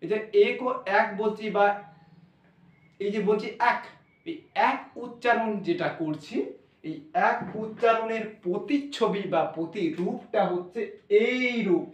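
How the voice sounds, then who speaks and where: A man's voice: high voice, a little slow. A male maths teacher with a Bengali accent giving an informal, reassuring classroom lesson and thinking aloud as he explains. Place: classroom with blackboard. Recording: roomy, voice from a distance.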